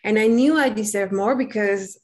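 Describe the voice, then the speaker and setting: A woman's voice: medium pitch, moderate pace, darkish tone. A young woman from Peru with a Peruvian Spanish accent, Spanish her first language, speaking candidly and self-deprecatingly as a guest in a casual interview.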